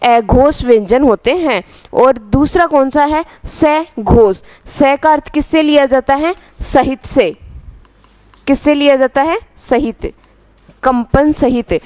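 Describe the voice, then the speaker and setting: Teaching grammar, this woman asks her class questions only to answer them herself, saying phrases slowly and repeatedly so they can be dictated. Her pitch is high, her tone somewhat dark, and the recording carries no room sound.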